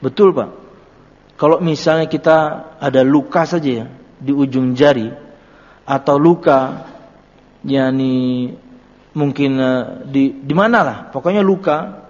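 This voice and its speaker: A man's voice: mid-range voice, measured pace, pauses often, a little mellow. Male Islamic teacher, chatty humorous sermon style; dull lo-fi recording in a reverberant hall. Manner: chatty storytelling with jokes and laughter. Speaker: ustadz teaching a book study.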